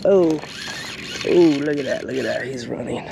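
A man's voice: mid-range voice, normal speed, creaky. A man in his thirties giving casual vlog commentary on his fishing trip, laid-back and chatty with lots of fillers, recorded outdoors on a shoreline with an action camera. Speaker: fishing vlogger. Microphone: action camera, hand-held or chest-mounted. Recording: faint outdoor noise.

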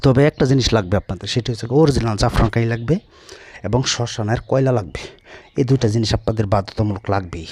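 A man's voice: medium pitch, fast, a little mellow, husky, no echo. A man, a folk healer giving brusque, repetitive spoken instructions to the camera. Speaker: folk healer demonstrating a ritual.

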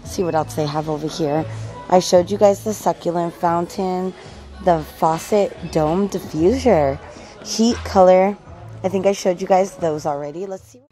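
A woman's voice: on the low side, normal speed, dark tone, soft background music. A woman narrating a casual shop-with-me video in a store, upbeat and chatty, talking to viewers as guys. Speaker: shopping vlogger. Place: large retail store indoors. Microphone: handheld phone camera.

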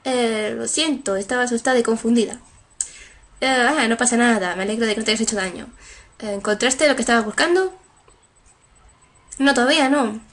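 This woman's voice is fairly high and a bit bright, brisk yet broken by long pauses. She's a chatty young streamer reading game dialogue aloud through a headset, translating on the fly and leaning on fillers.

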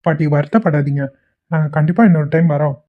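A woman's voice: low voice, fairly even intonation, fast, narrow, tinny audio. A woman voicing an easygoing young husband in a cartoon, soothing and coaxing. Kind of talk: Tamil cartoon voice acting.

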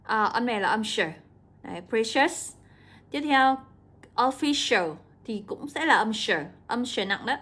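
A young woman, an English teacher walking students through an exam, drawing out example words slowly. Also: fairly high pitch, expressive, bright, forceful tone, slightly rough. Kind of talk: exam walkthrough lesson.

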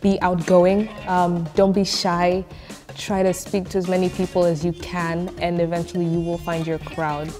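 A young woman from Tanzania, an economics student chatting in a relaxed, joking way. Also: fairly low pitch, normal speed. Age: young adult. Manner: laid-back, joking. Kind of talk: casual interview answers. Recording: background music under the voice.

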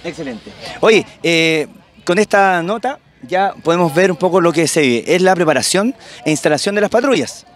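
A man's voice: high-pitched, lively intonation. A man in his thirties with a Chilean accent, roving reporter interviewing scouts on a handheld mic. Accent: Chilean Spanish. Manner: upbeat, affirming with quick "excelente". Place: outdoor camp and crowded tent stand. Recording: busy crowd noise behind.

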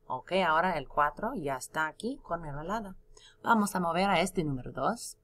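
A woman's voice: lowish voice, animated, normal speed, a bit bright. A woman teaching a recorded lesson, spelling words out letter by letter, stretching syllables and praising her students between prompts.

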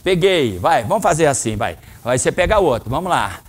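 Lively male karate teacher coaching kids. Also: on the high side, fairly quick. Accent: Brazilian Portuguese. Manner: lively, coaching commands to children. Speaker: karate instructor. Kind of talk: teaching a children's karate class. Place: training hall, indoors.

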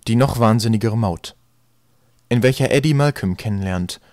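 A man reading an audiobook in a lively, expressive way. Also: medium pitch, moderate pace, dry recording, clean studio sound. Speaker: audiobook reader. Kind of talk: scripted narration.

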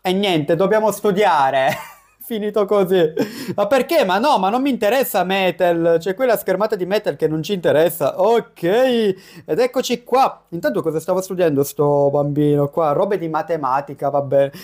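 A young man giving chatty, excitable let's-play commentary as a gaming YouTuber, breaking into quick panicked yelps. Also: sits high.

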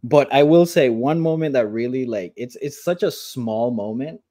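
A man co-hosting a casual anime review chat from home, talking passionately with halting starts and quick bursts. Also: mid-range voice, mellow, no echo, clean studio sound. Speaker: co-host.

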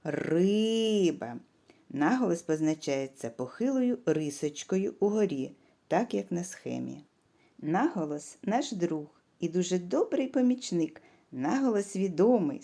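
A woman teaching young children. She is patient, asks simple questions and leaves pauses for answers, and she stretches words out syllable by syllable. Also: fairly low pitch, dark tone. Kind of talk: slow, clear lesson for young children.

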